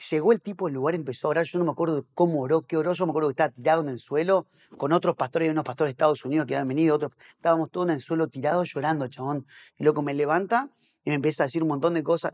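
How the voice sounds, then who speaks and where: Male pastor guest, rapid animated storyteller with a slightly high voice, lots of restarts, muffled podcast audio. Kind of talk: casual storytelling interview.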